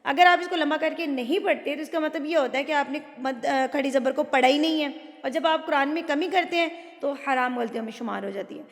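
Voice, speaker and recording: A woman's voice: high-pitched, long reverb tail. A woman teaching Quran recitation. She explains pronunciation patiently, step by step, and mixes English words into her talk. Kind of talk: tajweed lesson, explaining pronunciation.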